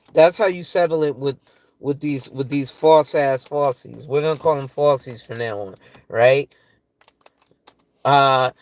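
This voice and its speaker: A tired financial advisor in his forties talks loosely and profanely through a list of money tips, often checking in with "right?". His voice is medium-pitched with a darkish tone.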